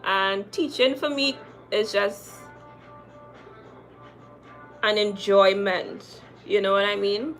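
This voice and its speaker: A young adult woman, a makeup artist with a Trinidadian accent, casually hosts a livestream, reading comments over faint background music. Her medium-pitched voice is unhurried. She talks in a lively, chatty way, repeats phrases for emphasis, and calls viewers "girl" and "sis."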